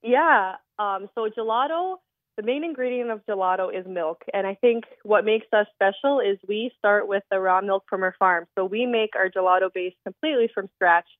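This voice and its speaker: A woman's voice: mid-range voice, moderate pace, no room sound. A young woman from the Netherlands, a creamery owner, explaining her work as a guest on a radio phone interview, with frequent ums. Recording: tinny phone line.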